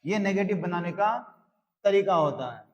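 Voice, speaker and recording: A man teaching English grammar in a slow classroom style, repeating each phrase word by word. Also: sits high, in a large hall, muffled recording. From Bihar, India.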